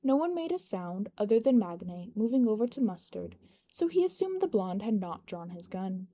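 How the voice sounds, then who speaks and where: A podfic narrator reads a scripted fan-fiction story aloud in a mid-range, mellow voice with big pitch swings at a normal speed. Noticeable background noise is present in the recording.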